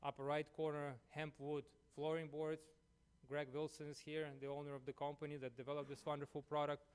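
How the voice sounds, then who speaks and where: A man's voice: on the high side, completely flat delivery, fairly quick, clean tone. Ukrainian-accented man presenting at a conference. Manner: chatty, leans on "you know" and "uh". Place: conference room.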